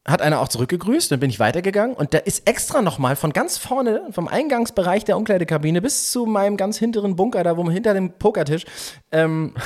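A middle-aged man chatting on a podcast, with a slightly high voice that swings widely in pitch. He talks in an animated way and laughs often. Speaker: podcast co-host. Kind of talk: casual chat.

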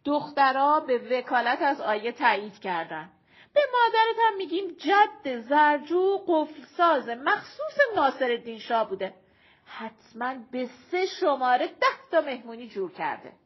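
Give me a woman playing a teasing, joking woman friend, high and lively. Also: dull audio. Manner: playful, quick, joking.

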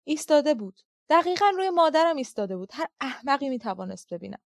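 A woman reading a literary novel aloud as an audiobook narrator, with a measured, reflective delivery. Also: high-pitched, sing-song, creaky, dry recording, clean studio sound.

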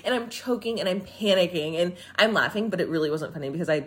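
A woman's voice: fairly low pitch, animated, quick pace, fairly bright tone. A young woman co-hosting a podcast, telling stories in casual chat and laughing often. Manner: chatty storytelling, laughing often. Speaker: podcast co-host.

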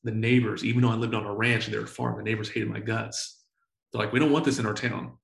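Full of slang and cursing, this excitable entrepreneur guest in his forties spins stories during a casual interview, repeating himself frequently. He talks fast in a fairly low, gravelly voice, and the recording sounds roomy.

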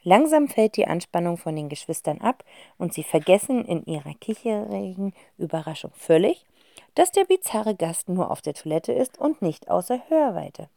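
Lively woman reading a children's audiobook. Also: lowish voice, moderate pace, creaky, no room sound, studio quality. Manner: lively, expressive storytelling. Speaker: narrator.

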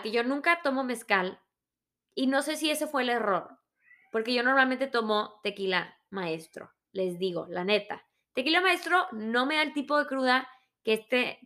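A woman around thirty with a Mexican Spanish accent, telling stories in a casual, animated, self-mocking monologue. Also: a little high. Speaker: vlogger.

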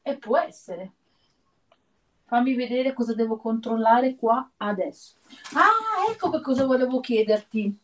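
High-voiced woman, southern Italian street slang. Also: expressive, a little slow. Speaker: live show co-host. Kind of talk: casual chat on a live stream.

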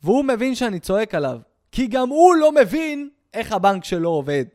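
A man's voice: high voice, very animated, a little mellow, dry recording, clean studio sound. A young man doing a stand-up comedy rant, crude and sarcastic, swinging between mock outrage and muttered asides.

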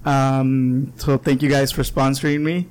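A man's voice: medium pitch, little pitch movement, measured pace, a little mellow. A man hosting a small-town podcast interview, rambling with lots of ums and likes. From Southern California border town. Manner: rambling, many fillers. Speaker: podcast host.

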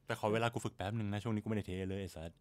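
A man's voice: lowish voice, fairly even intonation, rapid-fire. A man in casual chat, explaining coffee technique at length in crude, slangy speech. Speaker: barista.

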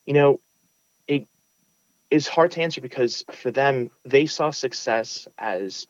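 A young adult man from Brooklyn in the United States, a valedictorian, earnestly answers questions as a guest in a casual interview, with many restarts and fillers. His mid-range voice takes things slowly. The recording is dry, with the highs cut off.

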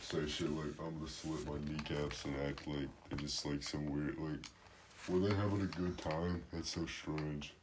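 A man's voice: little pitch movement, moderate pace. A young man chatting crudely while gaming with friends, mocking others in voice chat. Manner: crude, mocking, bursts into a shrill fake British voice. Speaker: gamer in voice chat. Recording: echoey room with faint noise.

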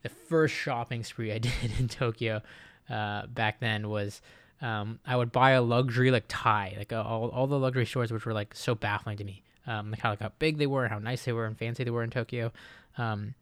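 Smooth-voiced rambling podcast man. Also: medium pitch, steady tone, normal speed, fairly bright tone, no room sound. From Japan. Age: late 20s. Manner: rambling, full of "like" and "um" fillers and restarts. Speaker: podcast host. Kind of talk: casual solo podcast monologue.

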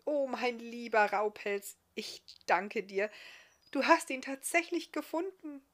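A woman voicing a joyful young female dust elf in a read-aloud fairy tale, high and excited. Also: unhurried, lightly acted. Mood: elated.

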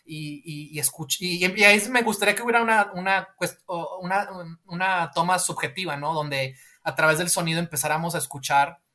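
Bright-voiced man pitching a scene. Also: steady tone, a little fast, hardly any pauses. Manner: rambling, tags lines with a questioning tag. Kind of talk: casual pitch of a film scene.

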